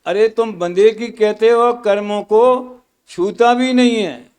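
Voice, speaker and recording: A man's voice: high voice, slow pace, darkish tone, smooth. A man teaching scripture at a study camp, explaining terms patiently with homely examples and repeating key words.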